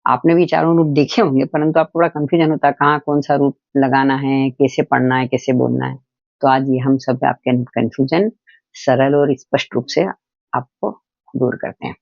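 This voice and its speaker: A man teaching a patient, step-by-step Hindi grammar lesson for children, repeating each example slowly. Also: mid-range voice, little pitch movement, vocal fry, no echo. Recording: dull, dry lo-fi recording.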